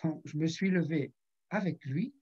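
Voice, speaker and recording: Un pasteur âgé qui raconte un témoignage en prédication, en jouant les dialogues et en se raclant souvent la gorge. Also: male voice, fairly high pitch, moderate pace, a little mellow, muffled recording. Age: older. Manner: storytelling, acts out dialogue, frequent throat clearing. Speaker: pastor. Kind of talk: sermon testimony.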